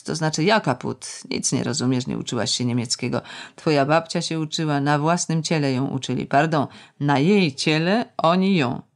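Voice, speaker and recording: An audiobook reader voicing a bitter, tipsy middle-aged woman who rambles in a sardonic, ironic way, drawing out words slowly. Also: low voice, darkish tone. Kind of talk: audiobook character reading.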